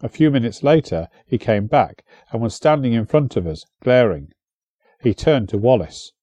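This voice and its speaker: A man narrating an audiobook in a measured storytelling manner on a close studio mic. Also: mid-range voice, expressive, mellow, no room sound.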